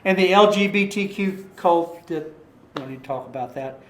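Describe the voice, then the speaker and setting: Speaking at a moderate pace, a man with a high-pitched, slightly bright voice leads an informal Bible study in a church meeting room. The recording is echoey with slight background noise, and he rambles, restarting sentences, repeating words, and asking the group rhetorical questions.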